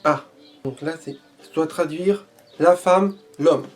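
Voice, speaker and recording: Over music, a man with a slightly high voice takes his time as he chats in a vlog. He's picking up Portuguese, echoing foreign phrases as he attempts them, and jokingly shows off.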